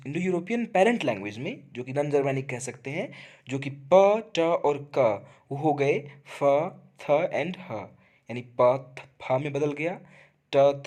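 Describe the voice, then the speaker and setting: A young adult man teaching a lesson, reading English lines slowly and then explaining each one, asking and answering his own questions. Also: on the high side, a little mellow. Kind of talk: bilingual lecture explaining a text.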